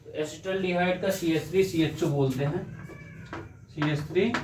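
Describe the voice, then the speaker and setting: A man's voice: fairly high pitch, moderate pace, distant mic. Male teacher, step-by-step lecture, echoey room, faint hum behind. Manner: talking through reactions step by step, asking himself questions. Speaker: chemistry teacher. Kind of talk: classroom lecture on organic chemistry.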